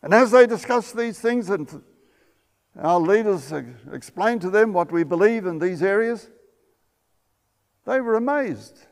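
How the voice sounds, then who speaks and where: A man in his eighties, his voice a little high for a man, sits at a table in a church sanctuary delivering a history lecture as a pastor. He recalls events in steady, measured storytelling with some self-corrections, and the room adds long, lingering reverb.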